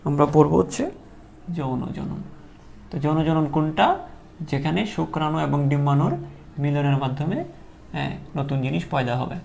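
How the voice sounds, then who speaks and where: A man's voice: a little high, creaky, darkish tone, a little hiss or hum. A man teaching a biology class live online, chatty, asking questions and answering them himself.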